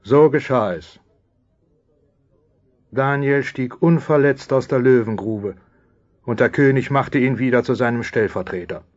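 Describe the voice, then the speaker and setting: A man playing a loyal courtier who narrates a radio play in a solemn, deliberate way. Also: medium pitch, a little mellow, highs cut off, lightly acted. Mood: dramatic. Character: loyal royal courtier recounting events as storyteller. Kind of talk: dramatised scripted narration.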